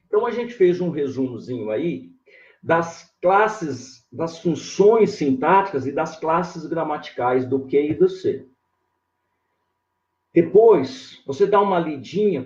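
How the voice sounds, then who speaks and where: Man, grammar teacher, very slow unhurried delivery, repeats "ó" to point things out, dull lo-fi recording. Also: on the high side, a little mellow. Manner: explains slowly, drawing out key words and repeating "ó"; greets viewers by name mid-lesson. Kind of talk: live online grammar lesson. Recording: echoey room, dull lo-fi sound.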